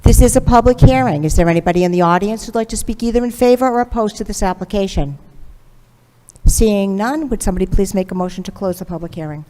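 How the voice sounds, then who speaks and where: A woman chairing a town board meeting, running hearings and votes in a brisk, formal manner. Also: mid-range voice, dark tone. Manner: brisk, formal, reads notices aloud. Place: town hall auditorium. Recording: long reverb in a large hall.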